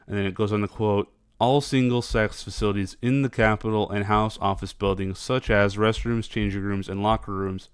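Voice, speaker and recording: A man hosting casual political commentary, talking in a halting way with many fillers and restarts. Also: fairly low pitch, clear, resonant tone, no echo, studio quality.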